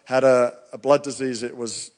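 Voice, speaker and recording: A man preaching a sermon in a church, pausing for an interpreter, acting out voices and joking. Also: mid-range voice. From abroad, moved to the Netherlands. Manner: animated, acts out complaining voices, jokey asides. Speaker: pastor. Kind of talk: sermon in English with live interpretation.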